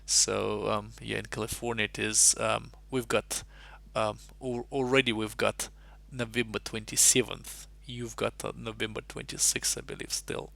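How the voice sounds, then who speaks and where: A Russian-born man talks in a heavily gravelly, fry-laden voice. He chats on a live stream in a loose, rambling way, thinking aloud over chess puzzles into a desk mic. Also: on the low side, level tone, normal speed, hardly any pauses, a bit bright. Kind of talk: casual live-stream chat.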